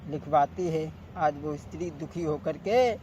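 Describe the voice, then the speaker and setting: A man's voice: a little high, steady tone, dark tone. Rural north Indian folk storyteller man, old worn tape. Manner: long drawn-out sung lines, plain spoken narration between. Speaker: folk ballad singer and storyteller. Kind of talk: sung folk storytelling with spoken narration. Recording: muffled, noisy old worn cassette tape.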